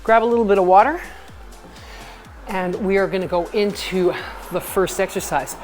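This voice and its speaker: A woman's voice: medium pitch, moderate pace, a little mellow. A woman working as a fitness instructor, leading an exercise class with short, encouraging cues and counted repetitions over workout music. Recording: music behind the voice.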